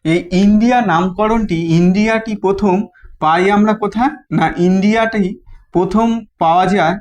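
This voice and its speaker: A man's voice: sits high, darkish tone. A man with a Bengali accent teaching a history lesson, asking questions and answering them himself, with many repeats and restarts. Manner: halting, restarts phrases.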